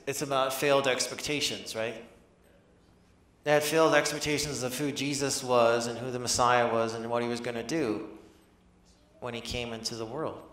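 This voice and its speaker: A pastor delivers a conversational, animated sermon in a church and keeps asking his listeners questions. His voice is bright and forceful. The sound rings around a roomy hall. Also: mid-range voice.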